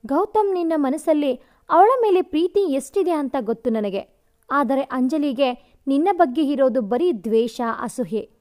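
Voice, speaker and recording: A man's voice: very high-pitched, animated, a little slow, a little mellow. A woman voicing a cruel, boastful young male rival who taunts and mocks in a storybook narration. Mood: mocking. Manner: taunting, mocking.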